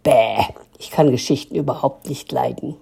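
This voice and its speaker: A woman's voice: a bass voice, moderate pace, creaky, mellow, husky, exaggerated voice. Woman doing a grumpy story-hating man. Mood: indignant. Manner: indignant, ranting. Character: grumpy man who hates stories.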